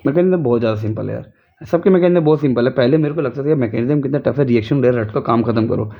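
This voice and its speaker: A man's voice: mid-range voice, rapid-fire. Young male tutor, casual home chemistry lesson, self-quizzing delivery, dull lo-fi sound. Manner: repetitive, drills students with rhetorical questions.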